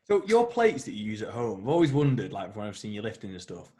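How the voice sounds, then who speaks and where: A man's voice: on the low side, big pitch swings, fast, dark tone. A man, co-hosting a podcast, blunt and jokey, swearing freely. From England. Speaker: podcast co-host. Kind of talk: casual podcast chat.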